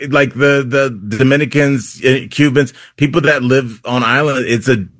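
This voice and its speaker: A man's voice: medium pitch, fairly even intonation, moderate pace, a bit bright, no room sound. Comedian guy on a talk show, rambly, lots of like's, dry mic. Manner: rambling, filler-heavy storytelling. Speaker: comedian guest. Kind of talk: casual talk show chat.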